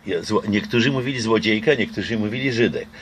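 Here a fairly low-pitched older man from Poland talks a little fast in a relaxed outdoor interview on a garden patio. His speech is thoughtful but halting, with lots of fillers and false starts, captured by a camera close at hand.

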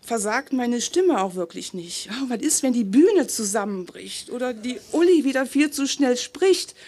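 A woman performs her own slam poem on a festival stage. Her voice sits a little high and sounds husky. She rides the rhymes with a rhythmic, self-mocking delivery. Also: darkish tone. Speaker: slam poet.

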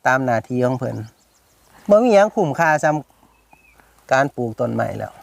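A man with an Isan accent, a farmer explaining his work in relaxed, lively chat. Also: mid-range voice, normal speed, creaky, no echo. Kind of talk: casual explanation.

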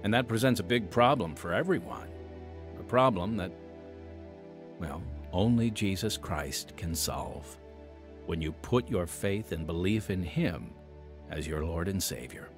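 A man with a deep, expressive voice hosts a ministry podcast, reading scripted radio announcements at an unhurried pace and adding some ad-libbed asides. Soft music plays in the background.

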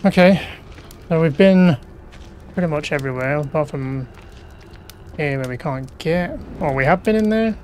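A gaming YouTuber gives casual let's play commentary on a horror game, muttering questions to himself as he explores. His voice is fairly high and a little mellow, at a normal speed with long pauses, over slight background noise.

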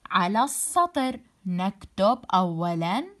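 A woman teacher giving a children's phonics lesson, drawing out letter sounds and repeating them for drilling, with warm praise. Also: mid-range voice, lively intonation, measured pace. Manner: praising, encouraging.

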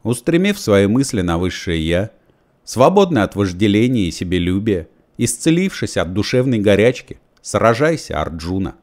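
A talking magic mirror that recites scripture with grand expression, as a male reader voices it. Low, measured audiobook voice. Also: big pitch swings, a little mellow. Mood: solemn. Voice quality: declaiming.

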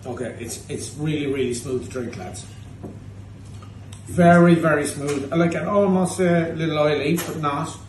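Recorded from a distance in an echoey pub room with faint noise, this man in his thirties speaks at a normal pace in a slightly high voice. He has a Cork Irish accent and hosts a drinks-tasting show inside a pub bar, trading cheeky, teasing banter and cursing freely.

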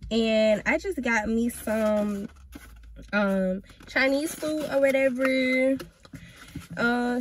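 A woman's voice: fairly high pitch, a little hiss or hum. A woman chatting casually to camera in a vlog, laid-back and slangy, blunt and brash when she calls people out. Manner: laid-back, slangy, says "y'all" and "or whatever" a lot. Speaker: vlogger. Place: at home, eating while filming.

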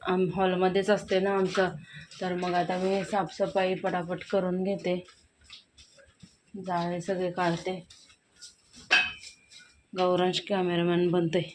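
A young woman with a Marathi accent narrating her household chores in a casual home vlog, chatty and talking as she works. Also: fairly low pitch. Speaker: vlogger, homemaker and mother. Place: home kitchen. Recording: loud background noise at home.

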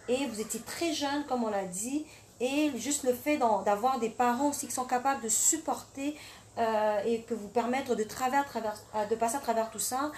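Woman interviewer, effusive and chatty, higher voice, faint noise. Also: darkish tone. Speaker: host, teacher.

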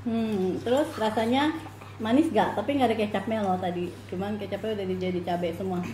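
A woman's voice: medium pitch, brisk, warm tone. A woman chatting casually and teasingly while eating on a mukbang video. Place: small hard-walled indoor room at a table. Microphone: camera a short distance away. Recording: echoey room with background noise.

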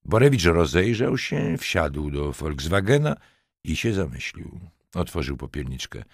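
A man reading an audiobook of a detective story with expressive storytelling. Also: extremely low pitch, unhurried, dry recording, studio quality. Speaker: audiobook narrator. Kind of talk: scripted audiobook narration.

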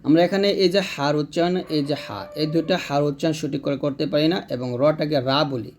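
A man from Bangladesh, teaching Quran recitation by spelling out letters and vowel marks, then reciting slowly in a chanting tone. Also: on the high side, fairly even intonation, a little mellow, slight background noise. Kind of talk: tajweed recitation lesson.

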